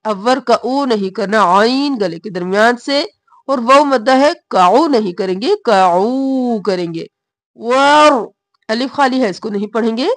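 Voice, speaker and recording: A woman teaching Quran recitation, chanting verses in long drawn-out tones and then explaining the pronunciation in quick spoken asides. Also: fairly high pitch, expressive, dry recording.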